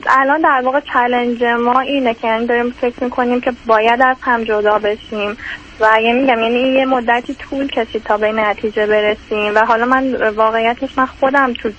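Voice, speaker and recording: A woman's voice: a little high, steady tone, fairly bright tone. A woman in her thirties calling in over the phone, explaining her marriage troubles in hesitant, rambling sentences. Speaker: caller. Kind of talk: phone-in about marriage problems. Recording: muffled phone line with faint hiss.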